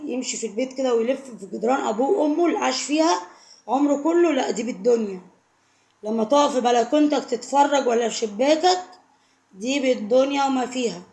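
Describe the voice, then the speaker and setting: An Egyptian woman talks quickly and earnestly, pressing heartfelt advice on her viewers again and again. Her voice sits a little high with a gravelly edge. The room around her adds a noticeable echo. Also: darkish tone. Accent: Egyptian Arabic. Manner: emotional, repetitive, pleading. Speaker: vlogger.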